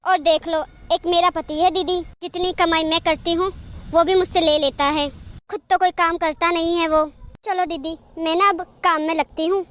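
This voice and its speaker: A woman's voice: very high-pitched, steady tone, moderate pace, a bit bright. A woman voicing a chatty, put-upon young housemaid in a cartoon, who complains about her husband. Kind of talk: cartoon voice acting.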